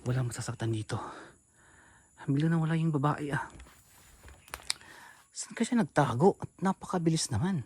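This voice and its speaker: A man's voice: fairly high pitch, moderate pace, long pauses, a little mellow, breathy edge. A man doing a ghost-hunting vlog, talking to his viewers and calling out anxiously as he goes. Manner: addresses viewers as idols, calls out anxiously. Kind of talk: handheld horror vlog commentary.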